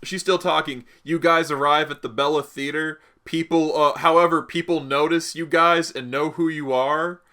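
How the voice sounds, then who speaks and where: Bright-voiced man running a tabletop game. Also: on the high side, fairly even intonation, moderate pace, hardly any pauses. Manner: rambling, repeats and revises phrases. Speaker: game master, host. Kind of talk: improvised tabletop game narration, casual chat.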